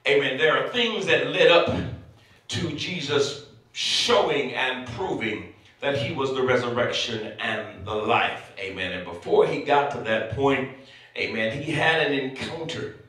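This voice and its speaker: Male bishop at a pulpit microphone, crisp bright tone, heavy church echo, sermon cadence full of amens. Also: mid-range voice, lively intonation, measured pace. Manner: punctuates phrases with frequent amens. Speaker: bishop preaching. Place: church sanctuary. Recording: echoey church sanctuary, mic at a distance.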